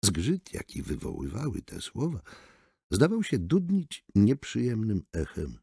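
Brief: male narrator, very deep, lively reading, dry close studio sound. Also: unhurried, vocal fry, husky, no echo. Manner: expressive, theatrical reading. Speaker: audiobook narrator. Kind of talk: scripted narration. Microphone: close studio mic.

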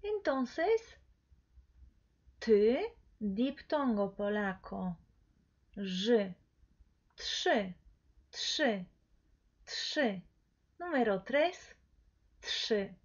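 A woman teaching pronunciation, repeating each word slowly and coaxing the listener to say it back. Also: on the high side, very animated. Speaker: language teacher. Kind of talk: slow pronunciation lesson. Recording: dull lo-fi recording.

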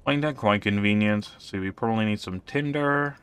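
Wry, low-voiced man playing a game. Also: moderate pace, clean tone. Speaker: gaming youtuber. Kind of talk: casual game commentary.

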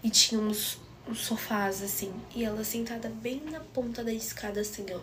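A woman's voice: fairly high pitch, fairly even intonation, moderate pace, background noise. A young woman tells a personal family story with intensity and drama, often speaking directly to her listeners.

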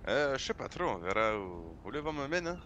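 A man's voice: medium pitch, sing-song, brisk, a bit bright, dull audio, a little hiss or hum. A man playing a laid-back, newly arrived drifter who drops in Spanish "si" in a role-play voice chat. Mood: relaxed. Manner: drops in Spanish 'si', easygoing.

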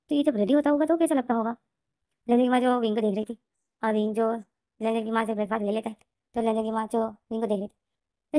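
A woman retelling her own fan-fiction story in a rapid, repetitive narration. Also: a little high, warm tone, no echo, studio quality.

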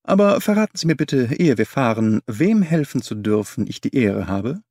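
A man voicing a clever, self-assured detective who speaks in a measured, gentle way, in an audiobook reading. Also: medium pitch, sing-song, dry recording, clean studio sound. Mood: calm, confident. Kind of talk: audiobook character voice.

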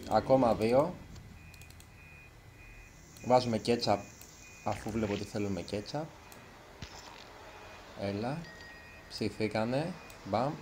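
A man's voice: fairly low pitch, background noise. A man giving let's play commentary as a gaming YouTuber, chatty and nervous, tripping over his words now and then. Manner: chatty, self-conscious, trips over words.

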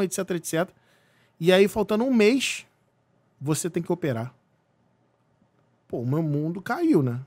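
A man from Brazil, telling a personal story as a podcast guest, animated and full of restarts. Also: fairly high pitch, no echo. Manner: animated, many restarts and repeated words. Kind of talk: casual storytelling.

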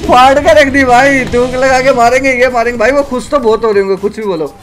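A man from India commentating a mobile shooter match, shouting quick callouts to his squad. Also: very high-pitched, fairly even intonation, soft background music. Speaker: gaming channel host. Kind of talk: excited gameplay commentary with squad.

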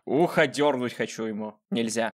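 A man's voice: mid-range voice, moderate pace. A man hosting a gaming video with casual joking commentary, sarcastic and talking directly to the game character.

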